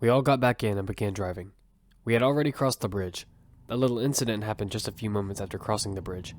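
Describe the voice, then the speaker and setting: Voicing an earnest young squad leader who narrates his own tale, an actor delivers first-person audio drama narration with only light acting. He has a fairly low pitch and talks fast, and a music bed sits underneath.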